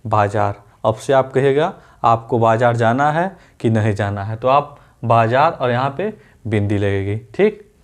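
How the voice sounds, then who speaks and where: A man teaching an exam-prep spelling lesson, repeating each word and quizzing his students with quick questions and everyday example sentences. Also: mid-range voice, expressive.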